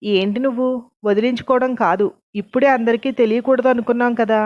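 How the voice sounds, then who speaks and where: A woman's voice: a little high, fairly even intonation, brisk, darkish tone, lightly acted. A woman voicing an impatient young man who argues defensively with his girlfriend in a read-aloud story. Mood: irritated. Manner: argumentative, impatient. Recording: dull lo-fi recording.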